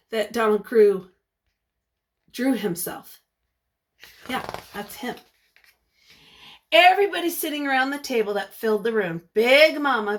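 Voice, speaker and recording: Her voice fairly high, a woman reads a picture book to young listeners in the manner of a teacher. She pauses to ask them questions, keeping her tone expressive and encouraging.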